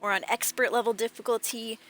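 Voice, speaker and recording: A woman's voice: a little high, steady tone, fairly quick, fairly bright tone. A woman doing casual, playful live commentary as a game streamer, with music in the background.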